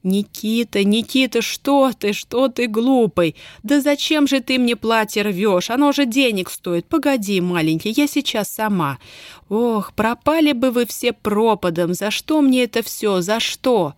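A woman reading an audiobook, voicing a proud, poor young Roma woman who scolds and then coaxes softly. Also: a little high, animated, unhurried, no echo, clean studio sound, voice pushed up. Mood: distressed. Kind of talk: audiobook character voice.

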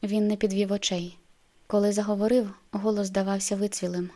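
Brief: woman audiobook narrator, warm low-key tone, measured first-person reading. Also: level tone.

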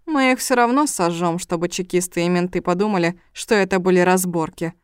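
A woman voicing a cruel male henchman who speaks calmly and menacingly. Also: lowish voice, brisk, clean tone, dry recording, clean studio sound, lightly acted. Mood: coldly menacing. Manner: calm, menacing.

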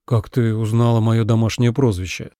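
A man's voice: medium pitch, flat delivery, moderate pace, warm tone, no echo, studio quality, close to an everyday voice. A man voicing a proud, touchy young male crow who speaks with self-important airs. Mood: haughty, touchy. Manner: pompous, easily offended.

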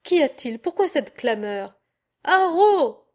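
A frantic old peasant woman from an old fable, crying out in a shrill, high voice, as a woman reads her. She is loud and urgent. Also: lively intonation, measured pace. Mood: alarmed. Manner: shrieking, frantic. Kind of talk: audiobook tale reading.

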